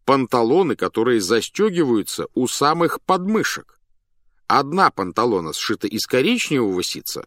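A man reading a story aloud as narrator, in an animated, dramatic manner that speeds up and slows down. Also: mid-range voice, dry recording, clean studio sound.

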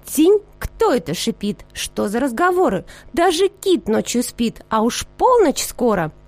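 A woman voicing a grimy, fussy female samovar snuffer who jingles and frets in a shrill voice. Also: big pitch swings, unhurried, no echo, exaggerated voice. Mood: grumpy.

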